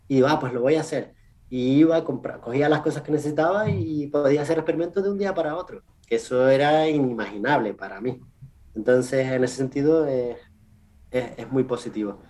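With a Canarian Spanish accent, a podcast guest who works as a research scientist, originally from Spain's Canary Islands, answers interview questions in a loose, faltering way, correcting himself and tacking on tag questions. His voice is mid-range and somewhat dark.

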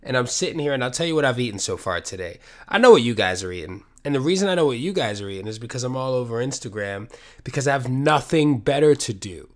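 Sick with a cold in his apartment, a man hosts a casual solo podcast, sniffling and rambling with plenty of swearing and self-deprecation. His medium-pitched voice is expressive and quick.

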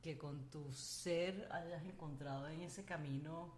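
A woman's voice: deep voice, fairly even intonation, slow pace, a little mellow. A woman hosting a casual chat, effusive and full of salty slang. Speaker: host. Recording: echoey room with faint noise.

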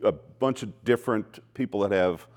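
A man's voice: fairly low pitch, normal speed, darkish tone. An older man hosting a casual interview show, with a jocular, folksy way of asking questions. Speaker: talk show host. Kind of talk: casual, joking interview chat.

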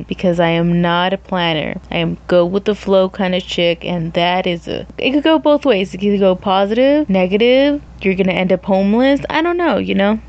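A chatty young woman vlogging about her weekend, loose and self-mocking, with laughs breaking in. Her voice sits at an ordinary middle pitch. The recording sounds a little dull and lo-fi. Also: darkish tone. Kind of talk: casual storytelling chat.

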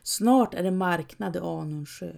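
A short-tempered robber chief barks orders at his gang, loud and scolding, played by a woman reading an audiobook. He has a gruff, bossy manner. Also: on the low side. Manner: barking, scolding.

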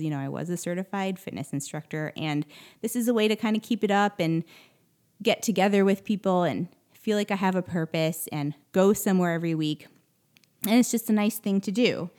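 A woman in her thirties from the United States talks through her solo podcast in a relaxed, rambling monologue. She is chatty and full of asides and fillers. Her voice sits slightly low for a woman. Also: brisk. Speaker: podcast host.

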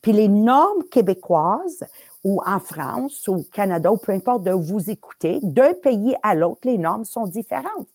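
A middle-aged woman telling animated anecdotes on a talk show, often dropping English words into her French. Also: mid-range voice, a little slow. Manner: lively storyteller, mixing English words into French.

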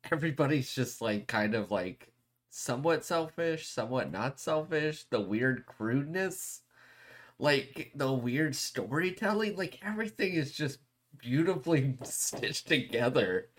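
A man's voice: medium pitch, expressive, unhurried. A man hosting a show in casual podcast chat, slangy and freely swearing. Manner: profane, slangy. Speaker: show host.

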